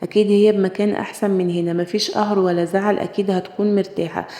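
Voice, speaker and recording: Fast Egyptian woman storyteller, echoey. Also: mid-range voice, level tone, mellow. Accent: Egyptian Arabic. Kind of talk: first-person story narration. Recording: echoey room with long reverb.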